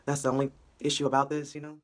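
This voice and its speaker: She speaks very fast in a very deep, monotone voice. The young beauty vlogger keeps things casual, upbeat and slangy, filming on a close-held phone in a small room at home and then on a city street and in a gym.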